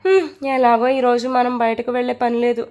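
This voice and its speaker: A woman voicing a sleepy young man who teases his roommate, speaking softly. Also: fairly high pitch, fairly quick, close to an everyday voice. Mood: teasing. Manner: soft, teasing.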